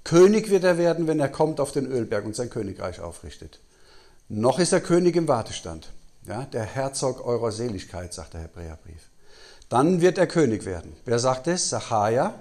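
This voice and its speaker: A man's voice: medium pitch, big pitch swings, moderate pace, a little mellow. A man giving a Bible teaching at a conference, putting questions to his audience, answering them himself and often tagging "ja?". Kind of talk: sermon-style Bible teaching. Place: conference hall.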